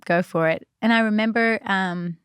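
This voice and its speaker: On a podcast, a woman guest shares personal faith stories in an earnest, reflective, chatty style, sprinkling in plenty of "like" and "you know." Her medium-pitched voice moves at a normal pace and sounds fairly bright, clear, and resonant. The studio recording is clean, with no echo.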